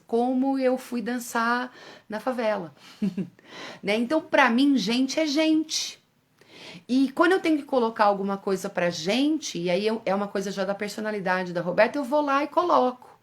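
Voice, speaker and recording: A middle-aged woman giving a casual self-development talk to a group, lively and direct, often checking in with her listeners. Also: medium pitch. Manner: lively, addresses group with "gente" and "tá?".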